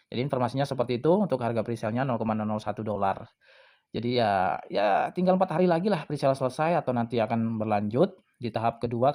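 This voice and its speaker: A man's voice: mid-range voice, a little mellow. A man hosting a crypto channel, casually talking viewers through a project website, chatty and full of fillers. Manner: chatty, filler-heavy, addresses viewers as friends. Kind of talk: casual screen-walkthrough commentary.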